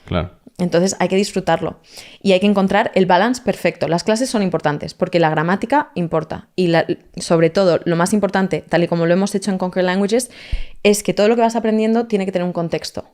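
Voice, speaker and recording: A woman, a language teacher explaining her methods in an interview, lively and mixing in English words. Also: lowish voice, a little fast. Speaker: language teacher, guest expert.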